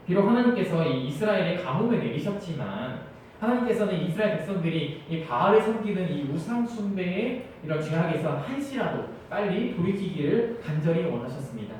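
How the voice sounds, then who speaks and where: A man's voice: on the high side, a little mellow, slight background noise. Young male preacher in an echoey hall. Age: 20s. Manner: earnest storytelling sermon with frequent hesitation sounds. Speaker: evangelist. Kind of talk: sermon. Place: large church hall. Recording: very echoey church hall, mic far off.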